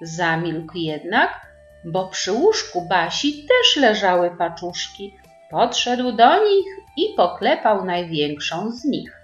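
A woman reading a children's story aloud, gently addressing young listeners. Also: fairly low pitch, very animated, slow, soft background music. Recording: roomy, dull lo-fi recording.

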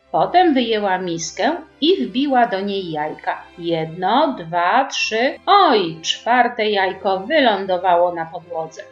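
A woman reading a children's story aloud to preschoolers in a gentle, expressive storybook manner. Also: medium pitch. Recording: echoey, dull room with faint music.

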